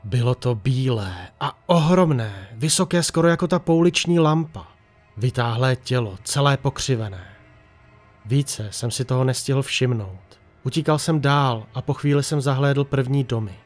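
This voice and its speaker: A man narrates a first-person horror story in a hushed, tense manner. His voice sits at an ordinary pitch. Faint music plays underneath. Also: expressive.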